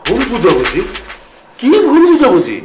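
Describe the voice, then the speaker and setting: A middle-aged actor playing a remorseful father who speaks gravely and hesitantly in a TV drama. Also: sits high, wildly swooping pitch, normal speed, a little mellow, a little hiss or hum. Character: remorseful father revealing a family secret. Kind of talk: TV drama acting.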